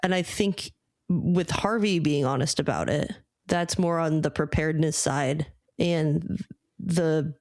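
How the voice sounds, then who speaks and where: A woman co-hosting a casual sports podcast, talking in a measured, thoughtful way with a few fillers. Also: low voice, a little mellow, no echo. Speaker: podcast co-host.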